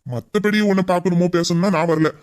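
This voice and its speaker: Voicing the romantic lead of a Tamil audio drama, this man plays a boss who flirts with and teases a staff member, playful yet bossy. He has a high voice, keeps a steady tone, and moves at a brisk pace.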